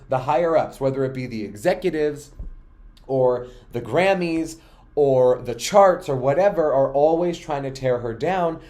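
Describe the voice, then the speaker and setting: A man hosting a pop culture commentary show, sassy and profane, swinging between loud outbursts and low, muttered asides. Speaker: host.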